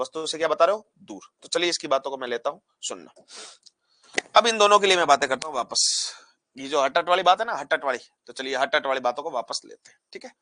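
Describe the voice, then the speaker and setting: A man with a slightly high, bright voice teaches physics in a dry, close-sounding recording. He fires questions at the class and answers them himself, repeating each key term. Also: no room sound. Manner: call-and-response questions, repeats key terms; animated, acts out particles pushing apart. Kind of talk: classroom lesson at a board.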